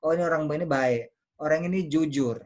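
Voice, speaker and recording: A man's voice: fairly high pitch, quick pace. A man giving a motivational talk as a public speaking coach, teaching step by step and repeating his key phrases. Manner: didactic, repeats key phrases, acts out examples.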